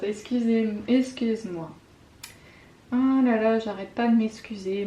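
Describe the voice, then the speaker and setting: A French woman giving a spiritual card-reading guidance, talking softly and intimately, often slipping into a whisper, with hesitant fillers and self-mocking laughs. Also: a little high. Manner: slow, soft and intimate, often dropping to a whisper. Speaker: tarot card reader.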